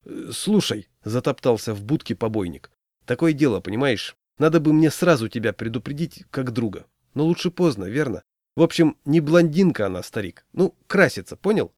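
A man's voice: medium pitch, lively intonation, normal speed, darkish tone, dry recording, studio quality, natural voice. A man voicing a fussy friend who rambles on confidingly in a humorous story. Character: fussy scheming man, anxious talker.

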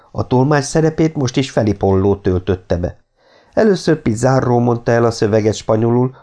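A man narrating an audiobook in a steady, measured reading voice. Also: on the low side. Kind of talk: scripted narration.

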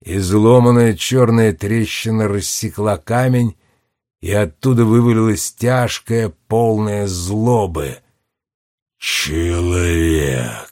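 A man narrating a storybook with expressive delivery, dipping his voice low for menacing passages. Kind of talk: audiobook narration.

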